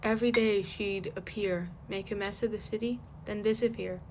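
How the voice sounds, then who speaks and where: A woman's voice: medium pitch, steady tone, moderate pace, slight background noise. A woman hosting a fan fiction channel, chatting in a rambling way and then reading a story aloud. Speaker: fanfic channel host and reader. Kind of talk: casual chat and story reading.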